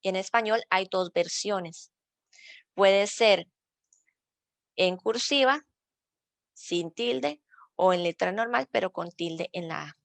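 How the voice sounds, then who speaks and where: A woman's voice: mid-range voice, slow pace, vocal fry, long pauses, no room sound. A woman from Rica, a librarian patiently explaining citation rules step by step in an online workshop. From Costa Rica. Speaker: librarian teaching citation style.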